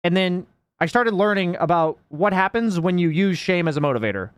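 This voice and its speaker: A man's voice: sits high, lively intonation, fairly quick, clean tone, no room sound. A young man, a game coach, chatting casually to his stream viewers, explaining ideas in a rambling, reflective way full of fillers.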